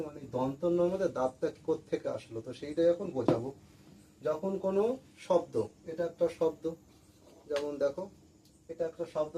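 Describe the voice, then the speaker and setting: A man's voice: a little high, mellow, low-quality recording. A man teaching a lesson to school students, patiently repeating words and asking questions he then answers himself. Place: room with a board. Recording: faint background noise.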